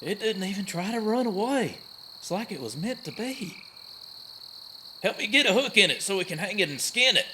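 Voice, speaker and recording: A man's voice: high-pitched, expressive, moderate pace, bright, forceful tone, a little hiss or hum, voice pushed up, full character voice. A man voicing a partly drunk, boastful rural hunter with a Southern Appalachian accent. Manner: boastful, coarse rural drawl.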